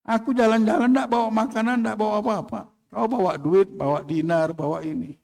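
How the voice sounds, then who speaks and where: Calm pious talking dog told by a man, gently reproachful, in a fairly high voice, in a sermon tale. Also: fairly quick, vocal fry, in a large hall. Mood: gentle reproach. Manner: gently reproachful, plain-spoken.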